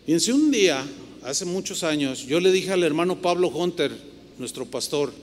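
A high-voiced, middle-aged Mexican pastor preaching from the pulpit. He tells animated stories and acts out the other people in them. His voice rings through a big hall with a long echo and faint noise behind. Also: normal speed. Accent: Mexican Spanish. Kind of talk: sermon. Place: church hall with long reverb.

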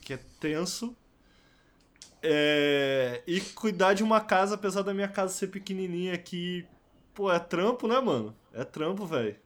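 A man's voice: sits high, animated, moderate pace, a bit bright. A young man chatting casually as a podcast guest, telling stories with lots of slang fillers. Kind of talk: casual chat.

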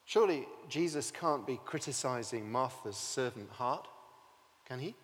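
A man's voice: mid-range voice, animated, unhurried, in a large hall. A man preaching a sermon, telling the story vividly and asking rhetorical questions.

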